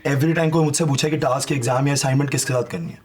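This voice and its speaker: A man's voice: medium pitch, fairly even intonation, fast, darkish tone. A young man in a heated relationship argument, insisting and defending himself, mixing English into his Hindi. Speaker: reality show contestant.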